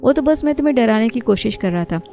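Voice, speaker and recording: A woman voicing a boastful, teasing young husband in a spoken horror story, her tone soft and mellow. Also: fairly high pitch, animated, fast talker, faint music behind. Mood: bantering. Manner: teasing, brash. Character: young married man, joking, boastful husband.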